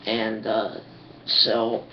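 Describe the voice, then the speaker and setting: A man's voice: fairly low pitch, monotone, extremely slow. A teenage boy casually retelling a comic story over a webcam, rambling with lots of ums and likes. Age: teens. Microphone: webcam mic. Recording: dull lo-fi webcam audio with faint hiss.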